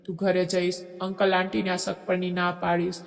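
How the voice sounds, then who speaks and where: A man voicing an obsessive, possessive young man in a storybook drama, forceful and speaking through gritted teeth. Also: sits high, monotone, normal speed, creaky. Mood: angry, desperate. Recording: echoey long reverb.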